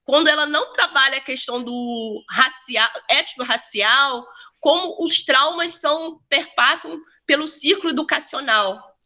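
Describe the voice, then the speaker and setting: A woman's voice: high voice, normal speed, bright, forceful tone. A woman educator telling a personal story in a casual talk, often adding tag questions. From Brazil. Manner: conversational, tag questions, restarts. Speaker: educator and researcher.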